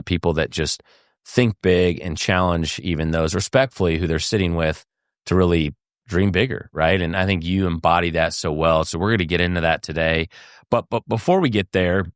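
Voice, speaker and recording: Deep-voiced guy hosting an interview, encouraging, asks long open questions, dry close sound. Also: clean tone, no echo. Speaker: interview host. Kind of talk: conversational interview.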